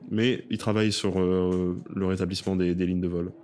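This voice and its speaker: A man with a very low voice chats on a podcast in a loose, rambling way. He circles back and restarts his sentences as he goes. The tone stays easygoing throughout. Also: a little fast, a little hiss or hum. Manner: rambling, relaxed storytelling. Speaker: podcast co-host. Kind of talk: casual podcast chat.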